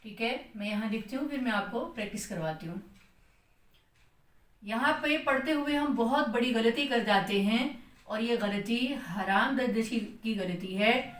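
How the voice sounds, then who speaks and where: A woman's voice: fairly high pitch, fairly bright tone, distant mic. Echoey Pakistani woman teaching recitation. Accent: Pakistani Urdu. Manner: patient, repeats "theek hai" to check understanding; drawn-out chanted demonstrations of letter sounds. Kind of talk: tajweed lesson explaining letter articulation.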